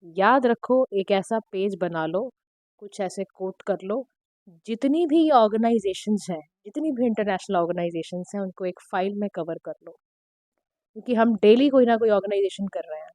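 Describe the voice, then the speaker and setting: Woman, slightly hoarse, exam-prep lecture, direct and instructive, mellow, dry. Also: medium pitch, lively intonation, moderate pace, dry recording. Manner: direct, instructive, mixing Hindi and English. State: slightly hoarse throat, clearing it. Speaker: current affairs teacher.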